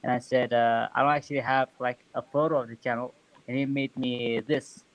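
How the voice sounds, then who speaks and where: A man from Saudi Arabia whose first language is Arabic, calling in to a stream and chatting with hesitant, halting phrasing. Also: medium pitch, fairly even intonation, lo-fi sound. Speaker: caller. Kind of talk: casual chat.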